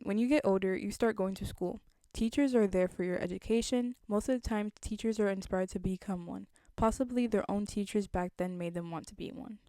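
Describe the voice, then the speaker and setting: A young woman with a relaxed, mellow tone and a slight lisp talks casually to her viewers. She is earnest and reflective, like someone thinking aloud, and the recording is dry with little room sound. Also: mid-range voice, no room sound. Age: young adult. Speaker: vlogger.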